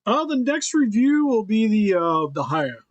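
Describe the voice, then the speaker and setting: Man, fairly high voice, dry close sound, easygoing work-along chat, thinks aloud. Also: unhurried, no room sound, lo-fi sound. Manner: relaxed, thinking aloud while sculpting. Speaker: figure customizer.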